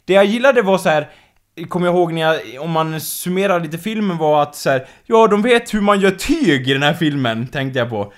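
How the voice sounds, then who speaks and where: A man chatting casually about a film, joking and animated, often mimicking characters. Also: fairly high pitch. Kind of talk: casual film review chat.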